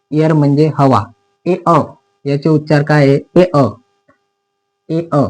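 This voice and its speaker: Slow, mellow-voiced man with a Marathi accent. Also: mid-range voice, low-quality recording. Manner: slow and deliberate, repeats words syllable by syllable. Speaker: English teacher. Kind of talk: slow spoken lesson, teaching English pronunciation.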